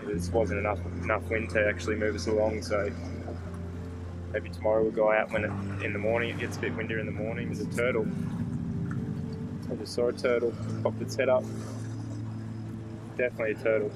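A man's voice: lowish voice, monotone, fairly quick, pauses often, loud music behind the voice, rough recording. A young man chatting casually on his sailboat, easygoing and rambling with fillers. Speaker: sailing vlogger. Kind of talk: casual vlog chat. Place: sailboat outdoors on the water.

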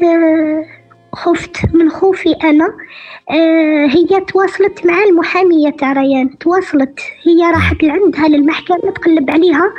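High-voiced Algerian woman over the phone. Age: middle-aged. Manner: halting, many hesitant fillers. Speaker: caller. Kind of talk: telling her story in a call-in show. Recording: dull phone line.

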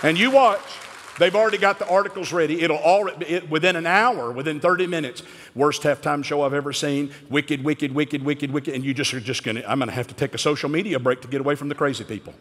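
A man preaching a sermon, calling out to the congregation and swinging between loud outbursts and hushed, grieving passages. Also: fairly high pitch, fast talker, some chatter behind, slight background noise. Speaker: pastor. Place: church sanctuary. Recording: reverberant church sanctuary.

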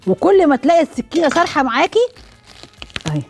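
A woman's voice: high-pitched, very animated, fast, faint music behind. A middle-aged woman with an Egyptian accent hosts a cooking show, demonstrating with a watermelon and asking the viewers questions she answers herself. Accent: Egyptian Arabic.

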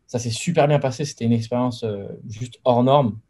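A young man from the Paris region talks through a webcam from his bedroom. His voice is mellow and dark, and he speaks in a relaxed, rambling way. He often pauses to restart his sentences. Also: medium pitch, breathy edge. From Paris region, France. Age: 20s. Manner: relaxed and chatty, many fillers and restarts. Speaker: guest entrepreneur. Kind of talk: casual interview on a video call. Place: bedroom with framed pictures, indoors. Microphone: video call webcam.

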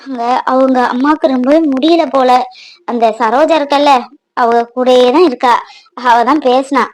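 A woman voicing a caring young village woman in a cartoon, confiding and reassuring in a gentle way. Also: sits high, normal speed, close to an everyday voice, low-quality recording. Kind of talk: cartoon voice acting.

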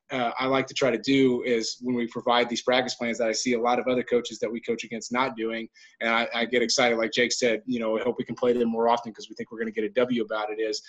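Measured male coach, dull call audio. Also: medium pitch, a bit bright. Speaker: high school baseball coach. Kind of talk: coaching talk on a video call. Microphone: video call.

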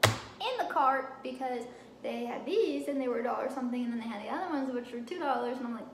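Chatty young woman, high voice. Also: lively intonation, fast talker. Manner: chatty, rambling, self-deprecating. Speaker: vlogger. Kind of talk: casual haul vlog. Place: home kitchen table, indoors. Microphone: camera on table. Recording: roomy kitchen with background noise.

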